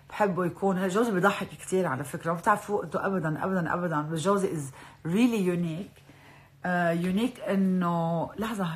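A chatty woman with a Lebanese accent, talking casually into her phone on a live stream. She drops English words into her talk and laughs easily. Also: medium pitch. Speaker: social media personality hosting a live stream.

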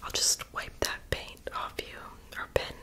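A young woman doing a whispered role-play in a breathy, unvoiced ASMR whisper with tingly mouth sounds. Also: measured pace, sharp tone. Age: young adult. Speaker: ASMR performer playing a friend doing homework and makeup on the listener. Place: small bedroom, indoors.

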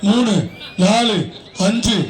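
A man announcing a live bull-taming event through a megaphone or loudspeaker, with loud, rapid calls and repeated phrases. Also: very high voice, little pitch movement. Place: outdoor bull-taming arena with crowd. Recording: echoing loudspeaker outdoors, crowd noise.

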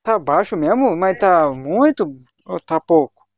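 A man's voice: high-pitched, expressive, measured pace, no room sound. A young man from Brazil chatting casually on a gaming livestream, slangy and talkative while he plays. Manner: slangy, chatty, talks to voice chat while playing. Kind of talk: casual live gaming chat. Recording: dull, lo-fi home stream mic.

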